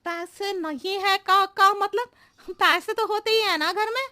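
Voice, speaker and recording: A cartoon housemaid with an extremely high, sharp voice. She talks slowly and in circles, cheeky and muddled, wheedling stubbornly as she goes. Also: no room sound, studio quality, heavily acted. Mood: pleading. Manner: circuitous, riddling, wheedling. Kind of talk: exaggerated Hindi cartoon comedy acting.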